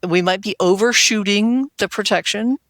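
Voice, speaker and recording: A woman hosts a health podcast as a healthcare worker, talking in an earnest, conversational interview style with a mid-range, fairly bright voice at normal speed. She stacks repeated "we want to" phrases and acts out quotes, and the recording has no echo.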